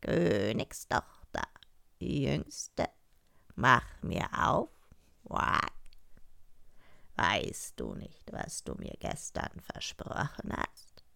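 Woman as storybook frog: very slow, deep, gravelly croak, pleading. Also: huge pitch swings, bright, forceful tone, exaggerated voice. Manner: drawn-out, croaky, ends lines with quacks.

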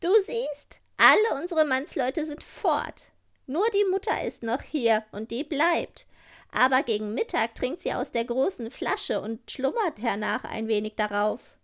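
A woman voicing a wild, bossy little robber girl in a storybook, with a brash, loud manner. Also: sits high, expressive, a little slow, voice pushed up.

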